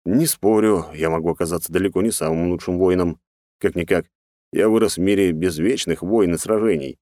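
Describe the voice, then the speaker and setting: A man narrating a first-person fantasy audiobook in a sardonic, rough-edged, casually swearing manner. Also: sits low, fairly quick, mellow, dry recording, studio quality.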